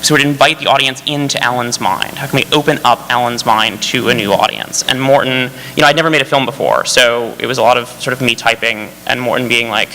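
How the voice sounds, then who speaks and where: A man's voice: medium pitch, fairly even intonation, fairly quick, few pauses, pushed and bright. A man speaking as a screenwriter on a festival panel, eager and rambling, with many fillers and restarts. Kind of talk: panel discussion. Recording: hall reverb, faint hum.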